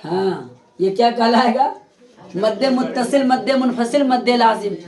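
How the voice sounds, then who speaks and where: Quizzing students and going over terms again and again, this male teacher gives a grammar lesson in front of a board. He speaks at normal speed in an extremely high voice with a darkish tone, and the classroom echoes.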